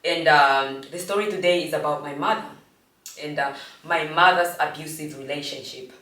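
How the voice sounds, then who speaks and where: A Namibian woman in her forties, telling a personal story in a halting, reflective way with frequent restarts. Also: low-pitched, fairly bright tone. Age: 40s. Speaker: host. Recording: echoey room, distant from mic.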